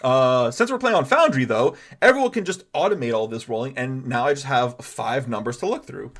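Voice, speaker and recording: A man's voice: medium pitch, expressive, fairly quick, fairly bright tone. A man narrating as game master of a tabletop game, chatty and rambling, with many fillers and restarts.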